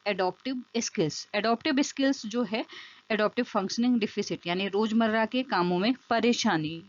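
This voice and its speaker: Her voice on the high side, a woman presents an online special education exam-prep lecture over slides, with no room sound. She lays things out step by step, keeps repeating key terms and checks in on whether the listener follows. The recording is dull and lo-fi, with a dry sound.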